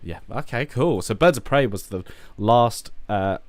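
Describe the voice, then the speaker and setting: A man's voice: on the low side, expressive, a little slow, dry recording. Blunt, swearing hungover streamer man. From United Kingdom. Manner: blunt, profane, rambling. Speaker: streamer ranking films. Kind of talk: casual live-stream commentary.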